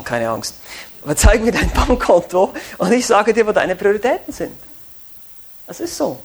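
High-voiced man preaching a sermon. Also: slightly rough. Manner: earnest, asks many searching rhetorical questions. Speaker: pastor.

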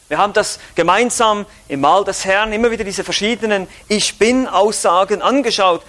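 A man preaching a Bible teaching with a Swiss German accent, speaking emphatically with rising stresses and low drops. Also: a bit bright. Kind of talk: sermon-style Bible teaching.

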